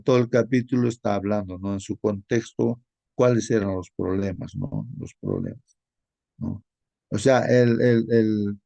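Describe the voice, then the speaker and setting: Gravelly man teaching in rambling style. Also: mid-range voice, dark tone, no room sound. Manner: rambling, with many fillers and tag questions. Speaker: Bible study leader. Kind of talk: informal Bible study teaching.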